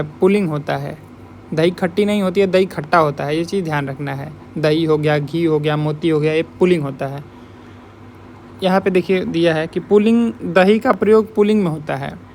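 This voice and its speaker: A man's voice: fairly high pitch, a little hiss or hum. A man teaching as a Hindi exam tutor, walking through test questions step by step and repeating the points to remember. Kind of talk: exam question walkthrough lesson.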